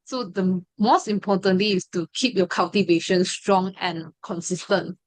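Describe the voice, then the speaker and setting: A young Malaysian woman in her 20s, a study group member, gives a personal testimony, sharing her story hesitantly with many fillers and restarts. Her voice is medium-pitched at a moderate pace, and the recording is dry with poor audio quality.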